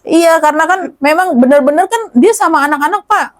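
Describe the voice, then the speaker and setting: Middle-aged woman guest, raised pitch, animated storyteller who voices the people in her story. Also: brisk. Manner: animated, acts out quoted dialogue. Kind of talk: casual storytelling interview.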